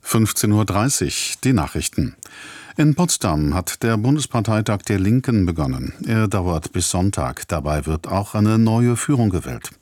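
A man reading a radio news bulletin in an even, formal way. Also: on the low side, moderate pace, dry recording. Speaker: newsreader.

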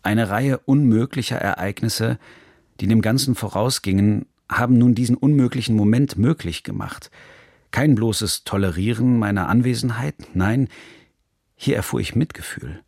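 A man reading a scripted radio documentary narration in a measured, serious manner, recorded in a studio. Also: lowish voice, gravelly, a little mellow, no room sound.

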